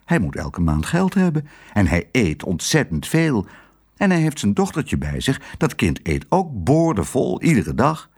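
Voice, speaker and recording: A man voicing a practical middle-aged woman who runs a hotel with her husband, speaking calmly and firmly, in a storybook reading. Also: mid-range voice, unhurried, slightly rough, exaggerated voice. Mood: matter-of-fact.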